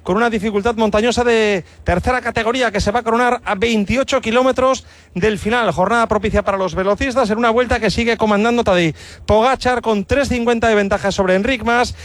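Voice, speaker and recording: A man reporting live from a cycling race start, quick and energetic. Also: high-pitched, dry recording. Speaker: sports reporter.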